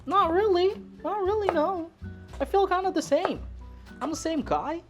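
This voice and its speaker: This Filipina in her twenties, who makes cooking vlogs, has a very high-pitched voice at normal speed. Faint music sits behind her as she chats casually and self-deprecatingly while cooking in her home kitchen.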